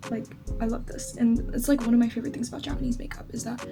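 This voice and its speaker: With background music beneath her, a woman in her twenties goes through her makeup in a casual vlog, peppering her talk with likes and ums. She grew up in China speaking Chinese first. Her voice is on the high side with vocal fry and fairly even intonation, and her pace is quick.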